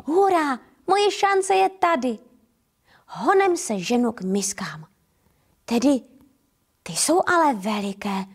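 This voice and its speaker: A Czech woman reading a first-person children's story aloud with a gentle, playful manner. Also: sits high, sing-song, long pauses, husky. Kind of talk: first-person fairy tale narration.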